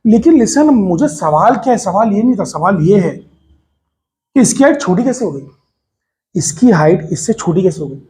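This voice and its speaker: A man teaching physics to a class of students, lively and coaxing, calling them to listen and asking if they follow. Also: high-pitched, moderate pace. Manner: lively, coaxing, addresses students as beta, mixes English phrases.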